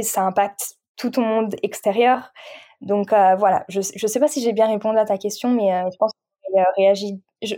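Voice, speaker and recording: A woman's voice: medium pitch, dark tone. A woman guest on a podcast, talking frankly and reflectively in a casual conversation, often restarting her sentences.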